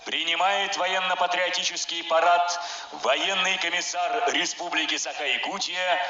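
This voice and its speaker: A man's voice: sits high, steady tone, measured pace. A man making formal ceremonial announcements as a parade announcer, solemn and declamatory. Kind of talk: formal ceremonial announcement, reading a military order. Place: large outdoor square at a parade. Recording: echoing outdoor loudspeakers, distant, noisy, dull.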